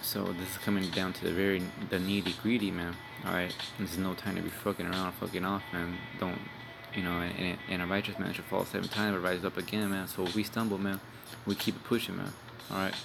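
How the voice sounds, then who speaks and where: A young man preaches a little fast with few pauses, his low, flat voice marked by vocal fry. His informal street-style video sermon rambles, cursing bluntly and tacking "man" and "all right" onto lines, as music plays in the background.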